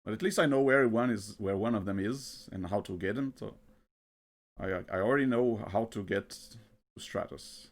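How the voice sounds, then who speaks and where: A man giving casual game commentary, thinking aloud in a halting way and often repeating his words. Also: lowish voice. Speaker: gamer narrating a playthrough. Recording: game music behind the voice. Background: video game music.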